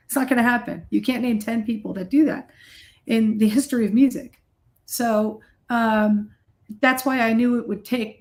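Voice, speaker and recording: In a casual interview, a middle-aged heavy metal musician shares anecdotes with blunt, self-deprecating humor. Her voice sits fairly high and carries a slight mellowness.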